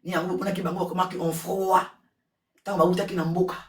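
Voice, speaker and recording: A woman giving casual gossip commentary, repeating words and switching languages in an excitable way. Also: fairly low pitch, fairly quick. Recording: roomy echo, distant from mic.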